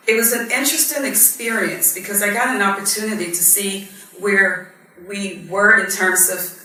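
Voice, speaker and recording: With a medium-pitched, bright and forceful voice, a woman in her fifties reflects earnestly on her personal story at a panel discussion where she is a judge, frequently saying "um." She was born in Guyana and grew up in Barbados. The sound is from a distant mic in an echoey hall, with faint noise.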